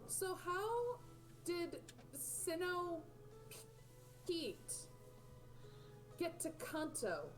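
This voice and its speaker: A woman's voice: extremely high pitch, very animated, faint music behind, voice pushed up, full character voice. A woman voicing Layla, a curious, blunt young woman in a tabletop role-play. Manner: inquisitive, quick questions.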